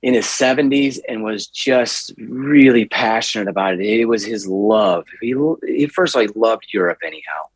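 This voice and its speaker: A man's voice: fairly low pitch, normal speed, hardly any pauses, husky, dry recording. A man, a guest on an interview show, rambling through a personal story with frequent restarts and growing animation. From United States.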